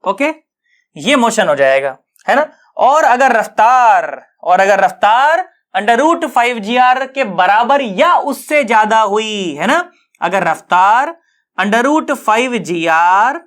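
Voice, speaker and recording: A man's voice: high voice, fairly bright tone. A male physics teacher giving an online lesson. He talks colloquially and jokes, mixes in English physics terms, and keeps asking students whether they have understood.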